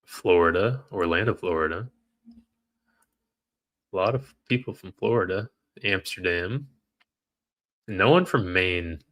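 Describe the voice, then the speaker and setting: With a low-pitched, slightly bright voice, animated but measured and broken by long pauses, a man trading live talks to his chat, reads their comments, and vents in frustration when trades go badly.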